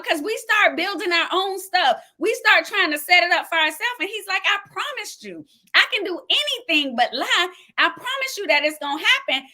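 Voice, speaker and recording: A woman's voice: high voice, bright, forceful tone. A woman preaching a live-streamed sermon, fervent and preacherly, answering viewers' comments aloud as she teaches. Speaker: minister sharing a word.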